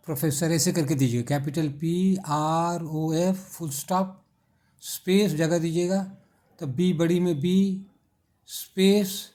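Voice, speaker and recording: A man's voice: on the high side, mellow. A middle-aged male teacher, explaining an English textbook exercise and patiently spelling words out letter by letter.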